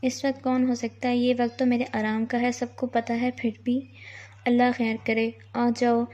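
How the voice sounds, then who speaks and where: A woman reading the lines of a sharp-tongued young woman, irritated with a visitor, on a dull lo-fi recording. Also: on the high side, flat delivery, lightly acted. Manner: curt, irritated.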